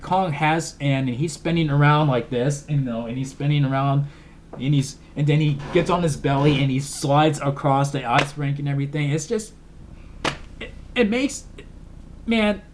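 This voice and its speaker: A man's voice: medium pitch, steady tone, normal speed, a little hiss or hum. A man giving a casual film review, retelling the plot in a rambling way with lots of fillers and emotional asides. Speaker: movie reviewer.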